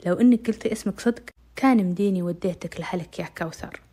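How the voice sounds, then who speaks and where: A woman's voice: mid-range voice, fast talker, warm tone, close to an everyday voice. A woman voicing a cold, controlling young man who holds a girl captive, speaking in curt Arabic. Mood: menacing.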